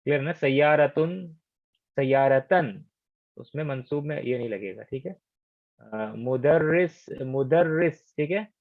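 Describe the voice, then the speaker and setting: A man from India teaches Arabic grammar over an online call, patiently explaining and often checking that students follow. He drills words slowly and repeats them. His voice comes through a dry, tinny, phone-like line. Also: medium pitch, dry recording.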